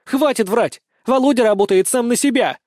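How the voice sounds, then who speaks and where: A man voicing an indignant, rebellious young noble daughter with sharp, sarcastic outbursts in an audiobook. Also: high voice, expressive, fairly quick, no echo, clean studio sound, pitched above the performer's own voice. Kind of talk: audiobook character voice.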